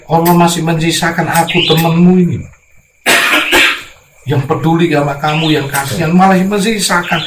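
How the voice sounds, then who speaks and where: A man preaching a sermon to a congregation, scolding bluntly, his voice dropping to hushed tones and then rising to loud outbursts. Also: fairly high pitch, roomy sound, background noise.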